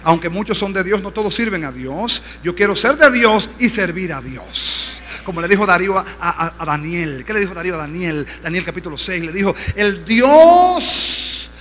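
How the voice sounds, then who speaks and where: A man's voice: high-pitched, lively intonation, fairly quick, hardly any pauses, sharp tone. A man with a Dominican accent, a pastor preaching a fervent sermon with rising exhortations in a church. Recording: reverberant church hall, faint hum.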